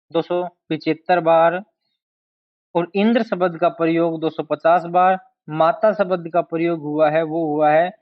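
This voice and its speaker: Male teacher, fairly high voice, exam-prep lecture, drills key terms, dull lo-fi recording. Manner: slow, deliberate, repeats key terms to drill them. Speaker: history teacher. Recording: dull lo-fi sound.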